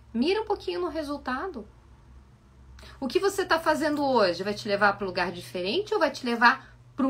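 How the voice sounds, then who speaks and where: A woman with a Brazilian Portuguese accent, a psychoanalyst giving a reflective live-stream talk full of animated rhetorical questions. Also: mid-range voice, slightly rough. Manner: asks many rhetorical questions, animated and coaxing.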